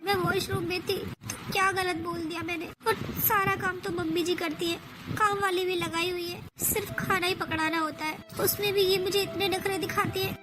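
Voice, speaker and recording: A woman acts out a young daughter-in-law stuck in bed after giving birth, who is forever complaining and pleading. Her voice sits very high. Music plays behind her in this family comedy skit. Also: steady tone, moderate pace, poor audio. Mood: aggrieved.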